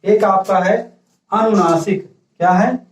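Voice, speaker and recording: High-voiced teacher in an echoey room. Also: male voice, steady tone. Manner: repeats "ठीक है" and asks students questions he answers himself; dictates slowly for note-taking. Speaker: school teacher. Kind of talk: classroom grammar lesson. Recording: echoey room, voice from far off the mic.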